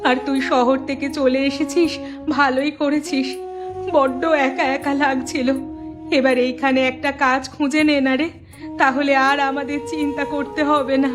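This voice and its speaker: A woman doing a worried village mother in a cartoon story. She fusses and scolds in a high voice. Music plays under her. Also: flat delivery, moderate pace, natural voice. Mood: relieved. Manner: pleading, fussing, scolding. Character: poor widowed village mother, worried and fretful. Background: background music.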